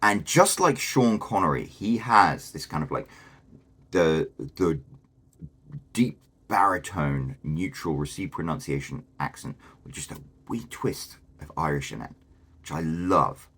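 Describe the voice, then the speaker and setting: Brief: male video host, extremely deep and a bit husky, casual enthusiastic commentary. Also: measured pace, a bit bright. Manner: chatty and enthusiastic, with many fillers.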